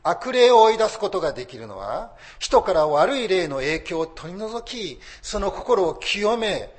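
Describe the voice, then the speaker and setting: Male pastor, sermon delivery, somewhat high voice with animated intonation. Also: measured pace. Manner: lively preaching, rising emphasis on key phrases.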